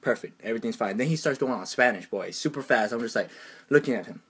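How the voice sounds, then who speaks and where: Husky young man ranting casually. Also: mid-range voice, fast. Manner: animated, acts out other people's lines in a raised voice; exasperated, uses slang. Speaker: vlogger. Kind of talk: casual storytelling rant.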